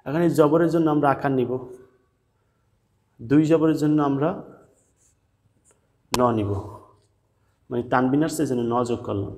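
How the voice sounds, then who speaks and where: A man teaching Quran reading, patiently repeating each letter sound slowly and speaking directly to his viewers. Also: mid-range voice, a little mellow, in a large hall. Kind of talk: step-by-step recitation lesson.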